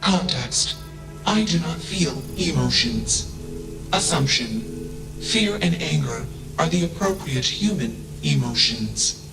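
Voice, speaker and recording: Flat emotionless AI robot, cold and logical, slightly high, gravelly, game music behind. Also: male voice, slow pace, full character voice. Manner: announces each statement with a one-word label. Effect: flat emotionless machine voice. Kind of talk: video game dialogue.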